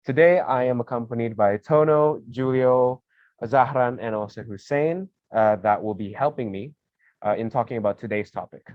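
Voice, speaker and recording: A young adult man with a medium-pitched voice moderates a casual student video discussion at a moderate pace, friendly, rambling and correcting himself. The call audio is dull, dry and lo-fi, without room sound.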